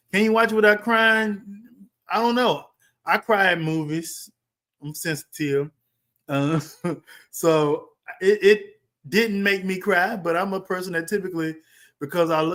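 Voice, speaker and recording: A man hosting a live stream, giving an animated, exasperated film review, talking in bursts with many restarts. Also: sits high. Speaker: livestream host reviewing a film. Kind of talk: casual live reaction commentary.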